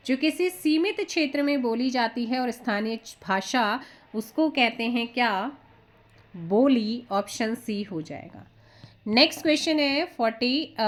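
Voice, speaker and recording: A woman coaching candidates, reading out multiple-choice questions and repeating each answer quick rhetorical checks. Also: a little high. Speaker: exam coaching teacher. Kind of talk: quiz-answer lesson.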